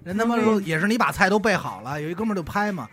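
A man's voice: sits high, lively intonation, very fast, fairly bright tone. A man with a Beijing accent chatting casually, telling things in colloquial, sweary language. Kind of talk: casual chat.

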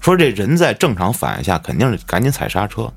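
A man's voice: wildly swooping pitch, fairly quick, creaky, husky. A man, a podcast host telling a ghost story in colloquial, swear-laden style. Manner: colloquial storyteller, swears often, dramatic swings in pitch.

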